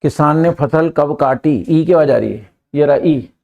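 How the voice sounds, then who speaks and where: A man with an Indian accent teaching a live English class, drilling students and pushing them to answer quickly. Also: on the high side, vocal fry, mellow.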